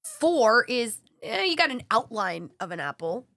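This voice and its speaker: Femme co-animatrice, franche et grossière, voix claire et vive, son sec. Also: female voice, on the high side, very animated, unhurried, vocal fry, bright, forceful tone, no echo. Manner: blunt, swears, reads aloud. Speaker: podcast co-host. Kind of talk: casual chat.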